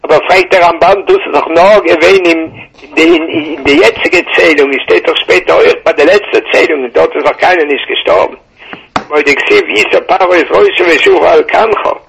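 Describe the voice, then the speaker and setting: A man teaching a Torah class, halting and repeating words, mixing Hebrew into with a tinge, over a muffled phone line. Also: sits high, expressive, creaky, a bit bright, a little hiss or hum.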